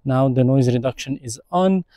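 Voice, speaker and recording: A man's voice: mid-range voice, moderate pace, warm tone, no echo, clean studio sound. A man doing a casual product review vlog, explaining things straight to viewers, recorded on a clip-on wireless mic with its noise reduction switched on. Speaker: tech reviewer.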